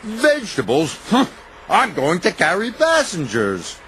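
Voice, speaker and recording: A man's voice: high voice, wildly swooping pitch, unhurried, fairly bright tone, faint music behind, voice pushed up, full character voice. A man voicing a boastful, grumpy male double-decker bus in a children's cartoon, with a whiny, cocky way of talking. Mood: scornful.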